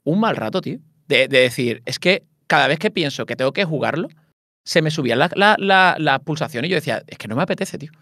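Fast-talking man, swears a lot. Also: on the high side, no echo, clean studio sound. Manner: swearing, animated and self-mocking. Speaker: streamer and interview guest. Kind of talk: casual interview chat.

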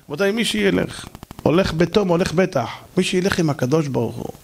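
A man preaching as a rabbi, in animated, rhetorical storytelling. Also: high-pitched, gravelly, husky. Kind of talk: sermon.

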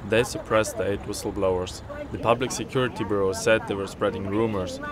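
A man giving interview testimony, his voice electronically distorted and deepened to hide his identity, speaking bluntly and accusingly. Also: fairly even intonation, a little fast, crowd noise. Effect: voice distorted to disguise identity, deep. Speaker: interviewee, resident.

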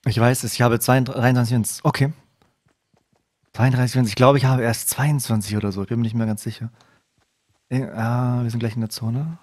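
Guy streaming a shooter, chatty and jumpy, yells when he gets a kill, mutters when sneaking, dry close mic. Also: mid-range voice, fairly quick, dry recording. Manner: chatty, talks to viewers, bursts into excited shouts. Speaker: game streamer. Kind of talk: live gameplay commentary. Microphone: desk microphone.

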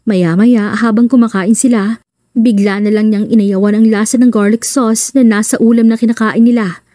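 A woman reading a romance story as an audiobook narrator, in steady storytelling. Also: a little high, normal speed, dry recording, studio quality.

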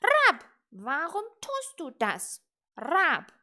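A woman voicing a stern male raven who scolds his witch companion and croaks between his words in a storybook reading. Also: sits high, wildly swooping pitch, drawn-out words, sharp tone, pitched above the performer's own voice, heavily acted. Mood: urgent.

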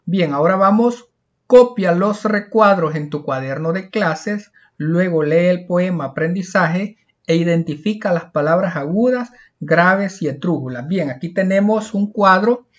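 A male teacher explaining a lesson, asking questions and answering them himself, slowing down to spell out example words one by one. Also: high voice. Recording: dull lo-fi recording.

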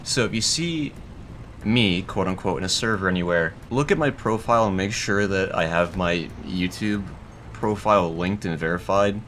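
A man's voice: low-pitched, normal speed, a bit bright, slight background noise. Wry young man commenting on gameplay. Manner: dry, wry, laughs often. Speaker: gaming YouTuber.

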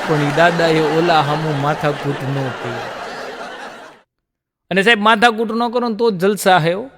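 A man's voice: a little high, unhurried, background noise. A man telling folk comedy jokes and chuckling at his own punchlines. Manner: jokey storyteller, laughs at own punchlines. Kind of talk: Gujarati folk comedy storytelling. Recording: long hall reverb.

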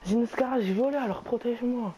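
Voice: medium pitch, fairly quick, warm tone, slight background noise. A young gamer bantering casually and bossily in French suburban street slang during a game. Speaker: video game player recording gameplay.

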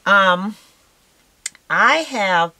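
A woman's voice: mid-range voice, lively intonation, extremely slow, bright, forceful tone, no room sound. A woman in her sixties chatting casually to viewers while she works on a craft project, with lots of fillers and a repeated "yes". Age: 60s. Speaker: craft vlogger. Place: indoors at a cluttered craft table.

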